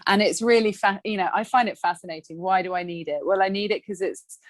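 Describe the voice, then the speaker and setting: Talking fast in a mid-range voice with no echo, a woman appears as a guest coach on a podcast interview. She chats casually and animatedly about her life and work, acting out little scenes as she goes.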